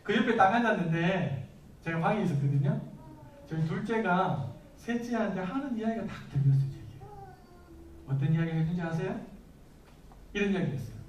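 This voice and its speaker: A man's voice: high voice, very animated, brisk, long pauses, a little mellow, slight background noise. A man in his thirties, a pastor, preaching a sermon conversationally and asking the congregation questions. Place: church hall. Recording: echoey room from far off.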